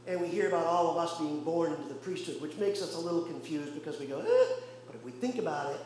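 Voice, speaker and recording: A male pastor preaching a sermon with impassioned rhetorical questions and pauses, recorded in a church. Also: on the high side. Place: church sanctuary. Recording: very echoey church room, faint hum.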